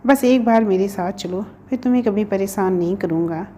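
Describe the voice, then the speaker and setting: A woman's voice: medium pitch, normal speed, warm tone, slight background noise, natural voice. A woman voicing a teasing young professor in love. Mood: pleading. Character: young man, a professor, earnest and teasing lover. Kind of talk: storybook reading.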